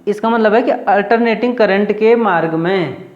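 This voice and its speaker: A man's voice: sits high, moderate pace. A man teaching a physics lesson at a board, asking questions and answering them himself, repeating key terms. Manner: repetitive, asks and answers own questions. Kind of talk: whiteboard lecture. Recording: roomy, dull lo-fi classroom recording.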